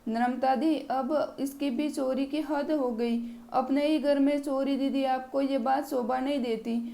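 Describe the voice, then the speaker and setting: A woman's voice: high-pitched, fairly even intonation, measured pace, creaky, mellow. A woman voicing a sly young daughter-in-law who steals from the family.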